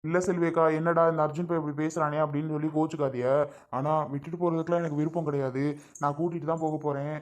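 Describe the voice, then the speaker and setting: A man's voice: fairly high pitch, flat delivery, very fast, natural voice. A man playing a stubborn young father who insists on taking his children with him in a family skit. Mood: determined. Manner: firm and determined, polite but unyielding.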